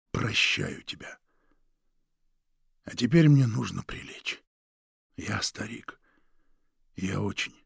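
A worn-out old man speaks low and slowly, often sinking into a breathy whisper, voiced by a male audiobook reader. His voice carries a gravelly edge, and the recording sounds dry and close to the mic. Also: fairly bright tone, dry recording, heavily acted. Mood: exhausted, quiet. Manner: tired, low, half-whispered. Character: weary old man, worn out and quietly refusing. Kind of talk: audiobook character reading.

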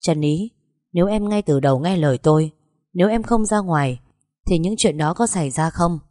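A woman's voice: fairly low pitch, moderate pace, mellow, dry recording, studio quality, natural voice. A woman reading a stern, controlling young man. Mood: reproachful.

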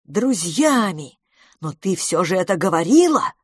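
A woman reads a jealous young suitor with a quick temper. He speaks in brusque, challenging bursts. The recording is dry and close, with a slightly low voice. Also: very animated, husky, no echo, heavily acted. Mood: indignant.

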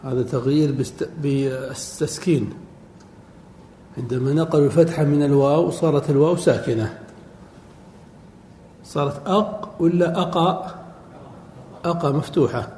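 A man teaching a classroom lecture, drawing out words slowly and quizzing his students. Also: fairly high pitch, mellow. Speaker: teacher of Arabic morphology. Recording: echoey hall with faint noise.

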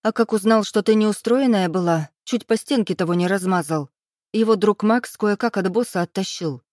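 A woman's voice: mid-range voice, normal speed, a little mellow, no echo, studio quality, voice pushed up, natural voice. A woman voicing a stern, bossy young woman friend, insistent and pushing. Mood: grim. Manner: insistent, raised voice.

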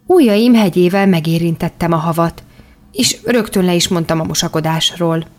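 A woman reading an audiobook in the first person, with calm, measured storytelling. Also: lowish voice. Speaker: audiobook narrator.

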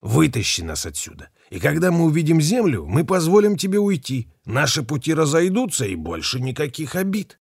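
A man voicing a rough-voiced, weary male mutiny leader who pleads and bargains. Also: fairly high pitch, huge pitch swings, a little fast, hardly any pauses, dry recording, studio quality, voice pushed up, exaggerated voice. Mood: pleading. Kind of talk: audiobook character voice.

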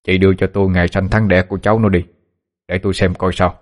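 A man's voice: deep voice, level tone, fast talker, in a large hall, close to an everyday voice. A man voicing a stern middle-aged exorcist in a ghost story, giving commands to a spirit. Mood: matter-of-fact.

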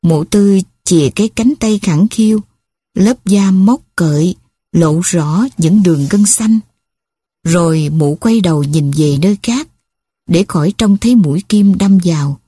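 Woman audiobook narrator, steady measured reading, husky, dark, dry sound. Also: on the low side, no room sound. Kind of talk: scripted narration.

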